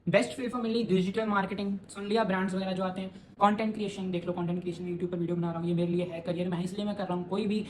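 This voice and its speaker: Young male YouTuber, rapid, jokey, self-promoting; light room noise behind him. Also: sits high, flat delivery, poor audio. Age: young adult. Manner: fast-talking, joking, self-promoting. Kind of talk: casual vlog, reacting to a reading.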